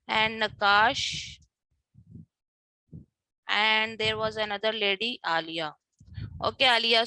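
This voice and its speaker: A woman's voice: on the high side, bright, forceful tone, no echo. A woman teaching an online class, mixing Hindi-Urdu with English, patient and repeating herself, heard over a video call. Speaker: instructor. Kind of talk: online class lecture with role-play practice.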